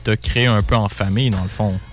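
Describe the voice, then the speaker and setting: A man's voice: lowish voice, steady tone, fast, faint music behind. A man, co-hosting and thoughtfully summing up the guest's points. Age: 20s. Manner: thoughtful, sums things up. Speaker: co-host. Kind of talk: casual interview chat.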